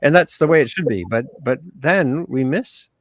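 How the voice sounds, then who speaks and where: A man's voice: fairly high pitch, expressive, normal speed, no echo. An older man hosting an online panel over a video call, talking casually and hesitantly with many fillers and restarts. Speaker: host.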